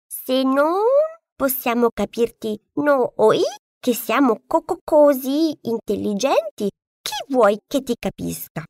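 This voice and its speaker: A woman's voice: high voice, lively intonation, slow, a little mellow, no echo, voice pushed up, heavily acted. A woman voicing a bossy, know-it-all hen who breaks into clucks as she talks. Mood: bossy clucking. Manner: stutters into clucks.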